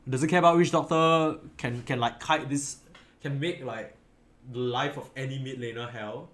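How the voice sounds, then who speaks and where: A tired, yawning esports caster gives casual commentary on a match, rambling, correcting himself mid-sentence, and relying on fillers. His mid-range voice is steady and fairly bright at a normal pace, in an echoey room with faint background noise.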